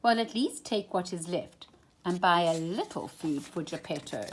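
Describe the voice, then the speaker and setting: A watchful little male cricket in a storybook, played by a woman. He admonishes urgently like a scolding conscience, with very lively intonation and a slightly husky tone. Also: lowish voice, normal speed, poor audio. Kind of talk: children's storybook character voice.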